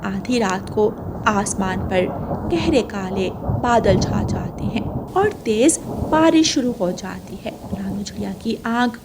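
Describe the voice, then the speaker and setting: A woman narrating a children's cartoon story in an even, slow storytelling manner. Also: medium pitch, heavy background noise. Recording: loud rain and thunder sound effects behind.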